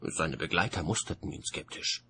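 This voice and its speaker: Deep husky male audiobook narrator. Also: huge pitch swings, bright, forceful tone. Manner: measured storytelling.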